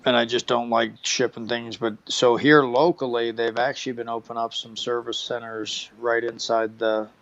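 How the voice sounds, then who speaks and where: A man's voice: mid-range voice, little pitch movement, moderate pace, gravelly, hardly any pauses, fairly bright tone, highs cut off. A man co-hosting a casual chat over a video call, talkative.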